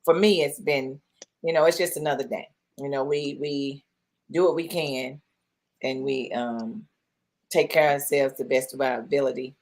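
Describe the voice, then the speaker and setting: Her voice is very deep and darkish, steady in tone, at an ordinary pace. A middle-aged woman co-hosting a casual podcast talk, she rambles chattily, circles back to the same points, and keeps asking pointed questions.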